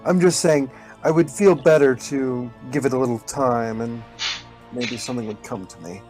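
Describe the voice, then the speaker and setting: A man playing a tabletop game, talking casually in a tentative, measured way with music behind. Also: mid-range voice, darkish tone.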